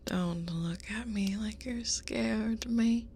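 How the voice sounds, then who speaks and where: A woman voicing a hungry, possessive female dragon in a whispered audio roleplay, slow and predatory. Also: a little high, dark tone, slight background noise. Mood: lustful.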